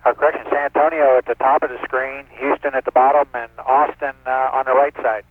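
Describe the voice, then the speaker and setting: Easygoing astronaut calling down from orbit; thin, crackly radio transmission with a clipped, phone-narrow sound. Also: male voice, mid-range voice, fairly even intonation, a little fast, no room sound. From northwest Florida, US. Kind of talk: space-to-ground radio talk. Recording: tinny narrow-band radio downlink.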